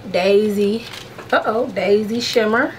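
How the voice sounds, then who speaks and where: A woman's voice: mid-range voice, slow, slight background noise, rough recording. Chatty woman unboxing makeup. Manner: chatty, calls viewers "honey"; frank, slangy asides. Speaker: beauty vlogger. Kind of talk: casual makeup unboxing chat.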